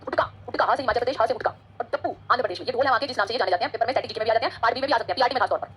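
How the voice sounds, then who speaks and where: Teacher, female, rapid-fire exam-prep lecturing, a little husky, pitched slightly high. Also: fairly bright tone, slight background noise. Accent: Hindi-English code-switching. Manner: fast, chatty, switches between Hindi and English.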